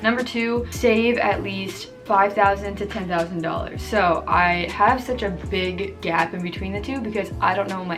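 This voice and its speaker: A woman in her twenties chatting casually to the camera in a rambling, self-deprecating way. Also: lowish voice. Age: 20s. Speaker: vlogger. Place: apartment in New York. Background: background music.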